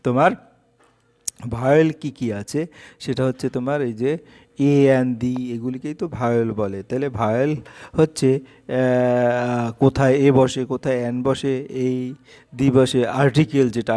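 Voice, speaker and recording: Man, teacher, patient counting aloud, mixes English phrases, mid pitch. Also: a little mellow. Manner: switches between Bengali and English phrases. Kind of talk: explaining a lesson.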